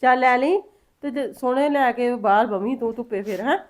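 A woman's voice: fairly high pitch, a little fast, lightly acted. An actress playing a middle-aged mother-in-law who coaxes, pries and scolds. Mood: coaxing. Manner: coaxing, prying, scolding. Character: fussing, caring mother-in-law. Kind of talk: family drama acting.

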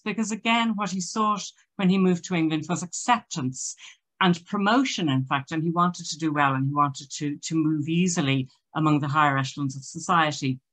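A woman giving a literary history presentation, speaking in a thoughtful, measured way with frequent pauses and restarts. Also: low-pitched, a bit bright. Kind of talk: illustrated literary history lecture.

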